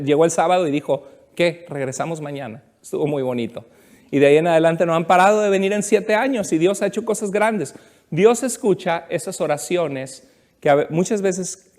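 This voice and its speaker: Pastor guy, high voice, chatty sermon, keeps asking the church stuff and cracking jokes. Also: darkish tone. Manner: chatty, asks the congregation questions, jokes. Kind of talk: conversational sermon. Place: church service.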